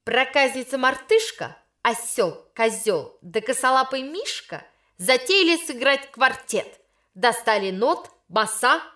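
A woman's voice: sits high, lively intonation, slow, a bit bright, heavily acted. A woman voicing a bold schoolgirl reciting insolently at her teacher. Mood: defiant.

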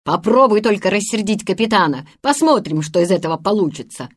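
A woman's voice: medium pitch, expressive, fairly quick, natural voice. A woman voicing a boy who speaks in a stern, warning tone in a storybook reading.

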